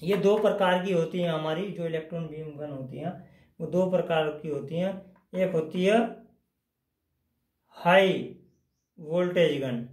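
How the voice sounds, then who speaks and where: A man with a high voice gives a whiteboard lesson. He talks through each step slowly and repeats key phrases. His voice rings in an echoey room. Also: darkish tone. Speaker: teacher. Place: indoors at a whiteboard.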